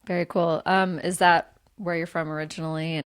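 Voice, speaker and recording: Low-pitched woman hosting a podcast. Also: flat delivery, normal speed, clean tone. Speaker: podcast host.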